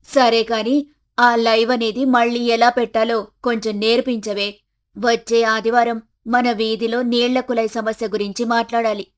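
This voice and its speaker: For an animated moral family story, a woman voices a feisty older village matriarch in a high register, keeping it natural. She grumbles and lays out her grievances with indignant self-importance.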